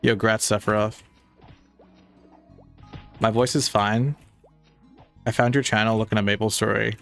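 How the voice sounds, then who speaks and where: This young man's voice is fairly low, a bit bright and slightly nasal, with vocal fry and a level tone, and he speaks unhurriedly. Reading chat on his game livestream, he rambles casually with lots of "like" and other fillers while faint music plays behind him.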